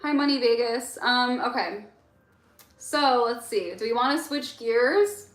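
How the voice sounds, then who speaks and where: A woman's voice: fairly high pitch, lively intonation, a little slow. A young woman born in Egypt, casually chatting with viewers on a late-night livestream, answering chat questions with lots of fillers. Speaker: livestream host. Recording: roomy echo with faint music.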